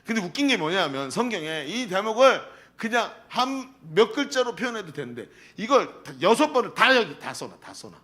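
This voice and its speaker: A man's voice: high voice, normal speed, hardly any pauses. A male pastor preaching a sermon to a young congregation, acting out prayers and asking the listeners questions. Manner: animated, acts out quoted prayers and rhetorical questions. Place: church sanctuary.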